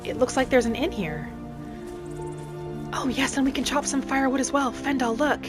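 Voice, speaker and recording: This roleplay gamer narrates in character as a gentle, reflective, matter-of-fact female wood elf wanderer, with music playing behind her. Her high voice is lightly acted, friendly, and calm. She thinks aloud in brief, measured phrases during the game monologue.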